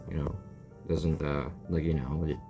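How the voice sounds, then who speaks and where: A gaming video creator with a very deep, steady voice talks at a normal speed, giving casual, blunt, joking reactions as he plays a video game. Faint game music plays in the background.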